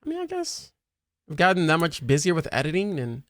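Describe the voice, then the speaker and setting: A man of thirty chats as a podcast co-host, jumping into quick, self-deprecating asides. His voice sits a bit high for a man. The sound is dry and close. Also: huge pitch swings, no echo. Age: 30s. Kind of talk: casual chat.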